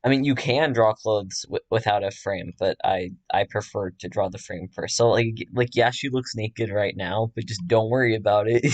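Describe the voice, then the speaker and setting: A man's voice: lowish voice, measured pace, dry recording. A man chatting casually while he draws, joking at his own expense and laughing often. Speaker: artist drawing on a stream. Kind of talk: casual chat while drawing.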